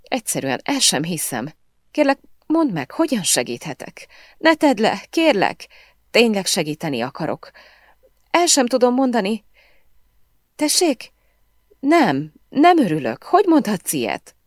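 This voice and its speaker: A woman's voice: medium pitch, wildly swooping pitch, pauses often, no echo, studio quality, pitched above the performer's own voice. A woman reading an audiobook voices a distraught female film star who is pleading, whiny and in tears. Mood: pleading tearful.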